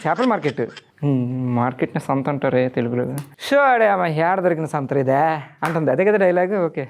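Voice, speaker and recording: Fast-talking teasing man hosting. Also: a little high, expressive, vocal fry, a little hiss or hum. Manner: teasing, quick banter. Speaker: talk show host. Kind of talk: playful casual chat. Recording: loud music underneath.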